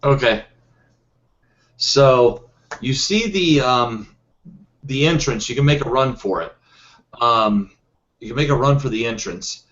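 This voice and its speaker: A man acting as game master in a tabletop role-playing game, thinking aloud as he goes, with frequent pauses and restarts. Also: mid-range voice, fairly bright tone. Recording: dull lo-fi sound.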